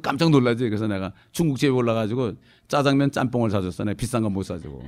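A middle-aged man preaching a sermon, conversational, dropping constant questioning prompts to the congregation and swinging between emphatic raised lines and quiet low asides. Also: animated, fast. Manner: tells anecdotes casually, with informal speech mixed in. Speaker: pastor.

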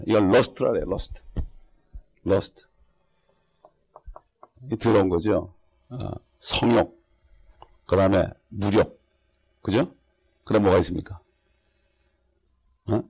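A man's voice: mid-range voice, creaky, a little mellow, breathy edge. A male pastor preaching a sermon, emphatic and rhetorical, often calling on the congregation for assent. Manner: emphatic, rhetorical, frequent interjections asking for assent.

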